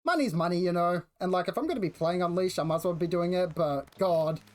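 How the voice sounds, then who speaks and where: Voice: medium pitch, fast talker. A game streamer of unclear sex with a broad New Zealand accent, chatting casually in a slangy, rambling way that often breaks off mid-thought. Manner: slangy, rambling, self-interrupting. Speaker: game livestreamer. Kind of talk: casual chat while gaming. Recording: music behind the voice. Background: music.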